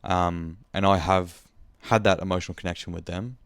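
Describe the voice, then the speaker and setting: A man's voice: low voice, steady tone, normal speed, smooth, no room sound, clean studio sound. A young man with an Australian accent, hosting a podcast in a casual, rambling monologue, speaking frankly and swearing freely. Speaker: podcast host.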